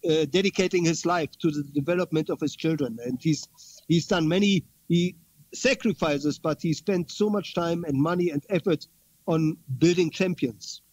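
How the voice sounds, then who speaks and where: A man's voice: a little high, moderate pace, a little mellow, rough recording. A man speaking as a guest in an interview conversation, earnest and repeating words for emphasis.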